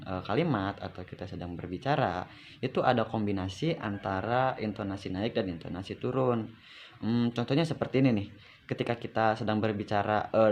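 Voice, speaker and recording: Low-voiced man explaining a lesson. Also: slight background noise. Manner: conversational explaining with frequent fillers. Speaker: student presenter. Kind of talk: explaining in a class presentation.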